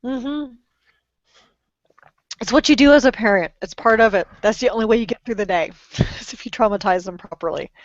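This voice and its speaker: A woman's voice: a little high, brisk, highs cut off. A middle-aged woman with a lingering cough, telling stories in a chatty, self-mocking way as a podcast co-host. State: lingering cough after illness. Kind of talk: casual chat.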